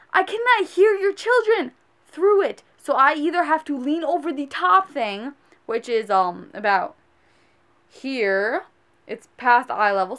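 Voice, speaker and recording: High-voiced, exasperated young-sounding woman ranting. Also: fairly bright tone. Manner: exasperated, emphatic, scolding. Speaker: sandwich shop worker. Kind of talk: casual rant to viewers.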